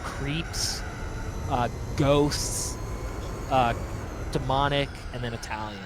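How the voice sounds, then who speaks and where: A man's voice: medium pitch, fairly even intonation, takes it slowly, noisy background. A man chatting as a guest on a gaming stream, rambling playfully with lots of fillers. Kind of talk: casual chat.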